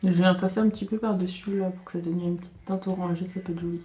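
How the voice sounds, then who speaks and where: A young woman talks her way through a makeup tutorial in a relaxed, rambling way, full of little hesitations and self-corrections, and her voice sometimes sinks into quiet asides. The room gives her voice a noticeable echo, with faint music playing softly underneath. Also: lowish voice, quick pace. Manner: chatty, thinking aloud, with frequent hesitations and self-corrections. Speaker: beauty vlogger. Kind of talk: casual makeup tutorial chat.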